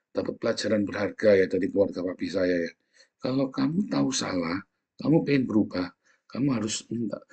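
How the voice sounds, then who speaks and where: A man's voice: on the low side, gravelly, warm tone, breathy edge. A middle-aged man preaching a sermon in a conversational way, often asking the congregation for agreement and acting out quoted speakers in a raised voice. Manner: conversational, often asks the audience "ya kan?". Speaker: pastor.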